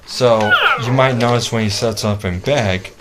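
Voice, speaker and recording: A man giving a casual product demonstration as a reviewer, speaking haltingly and often repeating and restarting his phrases. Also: medium pitch. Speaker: toy reviewer. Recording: clearly noisy home-video recording.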